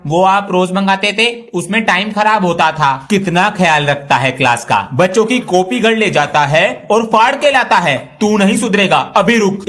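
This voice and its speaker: A man's voice: high-pitched, fairly bright tone. A young man acting out comic skits, switching between a playful child voice and scolding elders.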